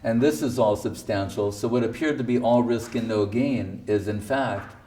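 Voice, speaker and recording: A man with a dark-toned voice on the low side speaks at a moderate pace, recorded far from the mic. Telling stories about his teacher in an informal spiritual talk, he quotes others and adds wry asides while recounting the guru's teachings.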